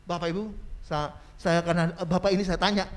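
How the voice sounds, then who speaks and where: A man preaching a sermon in a church service, fervent and repetitive, rising to shouts for emphasis. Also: high-pitched, steady tone, quick pace.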